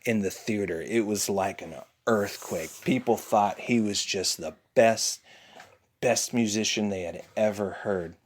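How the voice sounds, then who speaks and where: Adult man, relaxed father spinning a made-up bedtime story in a dark bedroom. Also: fairly low pitch, unhurried. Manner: relaxed, chatty storytelling with playful asides.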